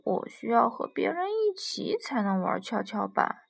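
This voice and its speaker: A young woman narrating a children's bedtime story in a gentle, soothing way. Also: fairly high pitch, big pitch swings, measured pace, creaky, slightly rough.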